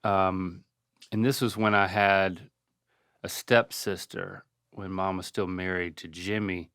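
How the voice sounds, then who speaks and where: A man's voice: low-pitched, little pitch movement, slow pace, a bit bright, clean tone, dry recording, studio quality. A middle-aged man from North Carolina telling casual stories as a podcast co-host, with a wry, self-deprecating manner. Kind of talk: casual storytelling.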